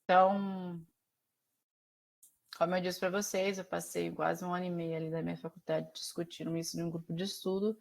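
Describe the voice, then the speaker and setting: A woman's voice: fairly low pitch, flat delivery, normal speed, creaky. Brazilian woman teaching an online class. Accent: Brazilian Portuguese. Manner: explanatory, asks students questions often.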